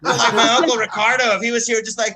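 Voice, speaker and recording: A man from the American South doing a stand-up set, telling stories fast, laughing and swearing often. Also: very high voice, level tone, pushed and bright, poor audio. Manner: rapid, laughing, swearing storyteller. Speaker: stand-up comic.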